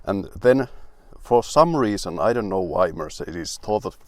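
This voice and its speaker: A man's voice: low voice, animated, a little slow, darkish tone, dry recording. A young man giving a casual car review, dry and wry, rambling with restarts and grumbling asides.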